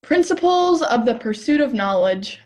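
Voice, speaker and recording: Young actress doing a bubbly curious stargazer girl, high and bouncy, teases a lot. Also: sing-song, moderate pace, a little mellow. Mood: eager. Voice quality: teasing, eager. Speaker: actor in a rehearsed play reading. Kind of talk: stage play reading.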